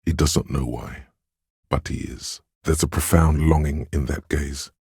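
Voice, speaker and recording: In scripted second-person game narration, a man with an extremely deep, very husky voice speaks as the player's empathy, gentle, perceptive and sorrowful. His phrasing is measured and solemn, his intonation fairly even, and the exaggerated delivery sits in a dry, intimate recording.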